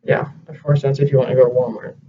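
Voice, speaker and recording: A man's voice: medium pitch, flat delivery, fast. Man, rambling, hesitant, casual co-host chat, off-mic, muffled home recording. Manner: rambling, hesitant, thinking aloud. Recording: distant muffled home recording with light hiss.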